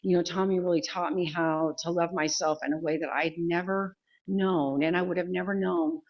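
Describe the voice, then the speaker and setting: A woman giving a candid, halting tribute at a memorial recovery meeting, joking at her own expense. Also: on the low side, fairly even intonation, lo-fi sound. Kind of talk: personal tribute speech.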